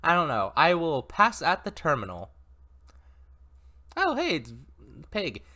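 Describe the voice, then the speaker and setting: Chatty male reader with asides and self-corrections, animated pitch. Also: measured pace. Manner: chatty, self-correcting, laughs at own mistakes. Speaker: story reader and commentator. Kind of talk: reading an interactive novel aloud with asides.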